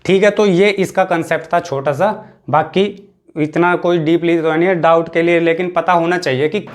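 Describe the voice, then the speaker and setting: A man's voice: on the high side, fairly even intonation, normal speed. A male Hindi teacher giving a classroom lecture in a western Uttar Pradesh accent, explaining step by step and repeating key terms.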